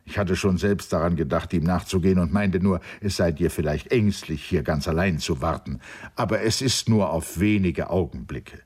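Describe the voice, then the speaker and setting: A man with a husky voice reading a grieving young man's formal lament over a dead friend in a storybook. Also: deep voice, moderate pace, darkish tone. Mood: calm. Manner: sobbing lament, solemn and formal.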